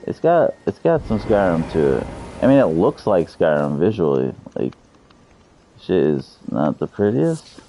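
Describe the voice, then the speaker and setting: A man in his thirties chats loosely with viewers while he plays, swearing often. His voice sits very low. The stream audio is a bit dull and lo-fi. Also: big pitch swings, a little slow, dark tone, a little hiss or hum. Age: 30s. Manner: profane, loose, chatty with viewers. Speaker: game streamer. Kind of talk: casual live-stream chat.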